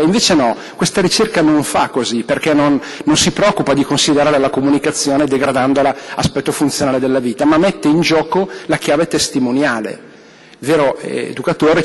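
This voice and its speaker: A man in his thirties gives a thoughtful conference address into a desk microphone, pausing often and restarting his phrases. His voice sits at an ordinary pitch and carries a long reverb from the large hall. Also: husky. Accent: Italian. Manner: thoughtful, hesitant with many fillers and restarts. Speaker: diocesan communications director.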